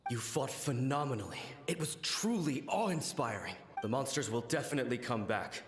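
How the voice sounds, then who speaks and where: A man as an animated, earnest samurai officer. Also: mid-range voice, moderate pace, lightly acted. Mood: earnest, admiring. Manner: formal, earnest. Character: loyal male samurai officer, earnest, reverent, brave. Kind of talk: video game voice acting. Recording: echoey game audio with music behind.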